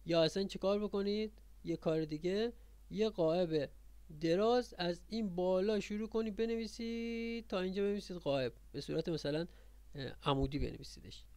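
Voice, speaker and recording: A man's voice: sits high, darkish tone, dry recording. A man teaching a grammar lesson in a Persian accent, repeating points and quizzing his students as he explains. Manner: repetitive, quizzing the viewers.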